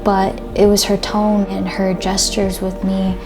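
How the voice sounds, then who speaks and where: A woman's voice: mid-range voice, completely flat delivery, a little slow. A young woman artist answering interview questions reflectively, with searching phrasing and frequent restarts. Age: young adult. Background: background music.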